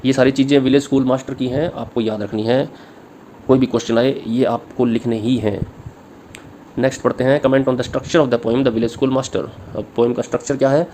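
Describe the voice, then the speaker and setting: A male teacher giving an exam-prep literature lecture, reading English lines slowly, then explaining them in Hindi. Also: mid-range voice, steady tone, warm tone. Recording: faint background noise.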